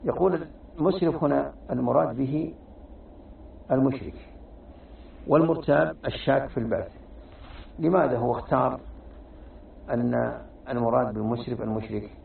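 Man, gravelly voice, religious lesson, tinny phone-like sound, distant echoey hall. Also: mid-range voice, fairly even intonation, normal speed, long pauses, a little hiss or hum. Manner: explanatory, restarts and repeats words. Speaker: Islamic scholar teaching tafsir.

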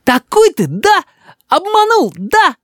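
A man's voice: huge pitch swings, slow pace, no echo, clean studio sound, heavily acted. A man reading an audiobook and voicing a bold, spoiled little boy who shrieks and demands. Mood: furious. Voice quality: shrill, shouting.

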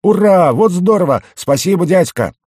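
A man voicing an excitable, mischievous young male goblin jester in an audiobook, squealing and bouncy. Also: medium pitch, brisk, no echo, clean studio sound, voice pushed up. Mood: excited.

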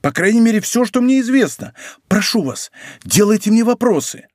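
A man's voice: sits high, very animated, a little fast, darkish tone, no room sound, studio quality, pitched above the performer's own voice. A man voicing a frightened, fussy middle-aged shopkeeper who pleads and exclaims in an audiobook. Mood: agitated pleading. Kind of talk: audiobook character voice.

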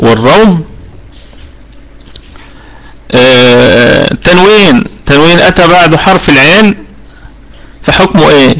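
Egyptian guy teaching tajweed online, kinda higher voice, asks the class stuff and repeats sounds over and over. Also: fairly bright tone, low-quality recording. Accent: Egyptian Arabic. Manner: patient, asks students questions, demonstrates sounds by repetition. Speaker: Quran recitation teacher. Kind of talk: live online tajweed lesson. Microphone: computer mic for online voice chat.

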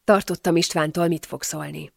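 Brief: female audiobook narrator, low gravelly voice, dry close recording. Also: fairly even intonation, no echo. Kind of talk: first-person audiobook narration.

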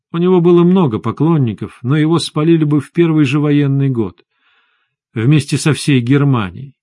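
A man reading the lines of a weary, stern female sorceress in a low, measured and grave way for an audiobook. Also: a little mellow, no echo, clean studio sound, close to an everyday voice.

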